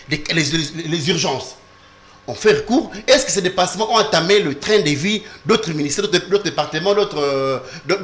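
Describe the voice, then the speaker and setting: A man's voice: fairly high pitch, a bit bright. A man on a televised political debate panel, defending his side insistently and talking over the others. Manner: insistent, talks over others, repeats "s'il vous plaît".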